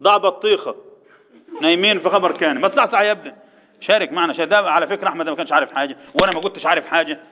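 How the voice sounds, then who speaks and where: Fast-talking Egyptian man teaching recitation. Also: a little high. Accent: Egyptian Arabic. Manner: quizzes students with rapid repeated questions, chants verses slowly. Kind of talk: classroom tajweed lesson. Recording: echoey hall, dull lo-fi sound.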